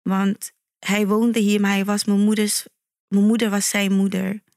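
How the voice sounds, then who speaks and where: A calm woman speaking as a podcast guest, her voice even and flat with little melody. She tells her story in a measured way, often pausing on fillers. The sound is dry and close to the mic. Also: medium pitch, no room sound. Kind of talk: conversational podcast interview.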